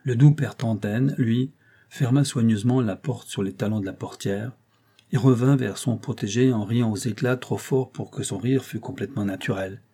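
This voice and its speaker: A male audiobook narrator reads a classic novel in a measured storytelling manner. His voice is dark and mellow, with a husky edge. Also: mid-range voice.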